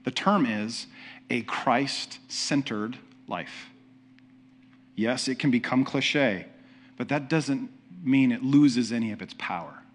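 Speaking slowly in a mid-range voice, a male pastor preaches in a conversational style, often starting his sentences over and asking his listeners questions.

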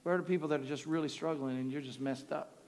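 A man preaching a sermon in a booming, exhortatory motivational manner, insistently repeating phrases and calling on listeners to respond. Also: fairly even intonation, quick pace, darkish tone. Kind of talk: sermon with altar call and prayer. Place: live service before a congregation. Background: music playing.

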